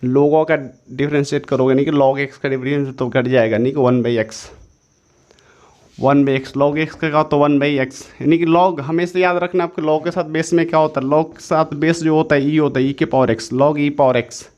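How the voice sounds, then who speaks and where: A man's voice: on the high side, steady tone, moderate pace, darkish tone, dull audio. A man teaching an exam-prep maths lesson, repeating each step several times and correcting himself as he goes. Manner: self-correcting, says sorry mid-explanation.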